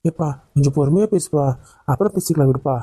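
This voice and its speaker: A performer voicing a soothing, fast-talking father. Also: medium pitch, dark tone, breathy edge, no room sound, lightly acted. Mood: placating. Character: mild-mannered father soothing the family. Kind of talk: cartoon family drama voice acting.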